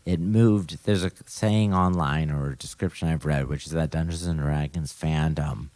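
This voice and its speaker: Low-pitched guy in his 30s, easygoing podcast storyteller. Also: steady tone, normal speed, a little mellow. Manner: laid-back storytelling, agreeable. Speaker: podcast co-host. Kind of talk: casual chat.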